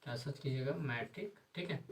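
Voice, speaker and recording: A man's voice: medium pitch, quick pace, recorded from a distance, slight background noise, poor audio. Male Sanskrit tutor, repetitive drilling delivery, mic set back a little. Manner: repetitive, drilling with rhetorical questions. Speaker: Sanskrit grammar teacher. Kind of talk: classroom-style video lesson, reciting word forms.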